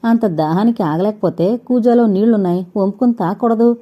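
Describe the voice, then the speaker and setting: A woman's voice: mid-range voice, fairly quick, muffled recording, natural voice. A woman voicing a playful young wife who chides her husband in a storybook reading. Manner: playful, chiding. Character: cheerful teasing young wife.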